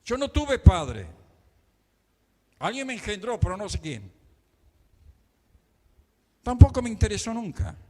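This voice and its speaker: An Argentine pastor preaching with deep feeling in a high voice. His words ring through a church hall with a long reverb. He speaks his prayers aloud as part of the sermon. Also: huge pitch swings, a little slow, pauses often, mellow. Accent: Argentine Spanish. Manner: impassioned, emotional preaching with prayers spoken aloud.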